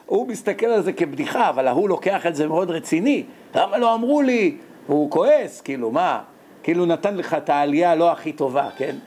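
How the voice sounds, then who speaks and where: A man giving a sermon, telling stories and acting out the characters in excited voices, with frequent laughter. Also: a little high. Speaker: rabbi giving a Torah lecture. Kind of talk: lively sermon with storytelling.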